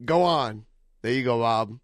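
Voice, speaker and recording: A man's voice: mid-range voice, a little slow, slight background noise. A man, needling and skeptical in a casual debate.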